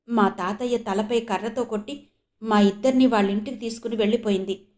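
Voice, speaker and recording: A woman narrator voicing a grieving young man who slowly and sorrowfully recounts his past in an audio novel. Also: fairly high pitch, darkish tone, natural voice.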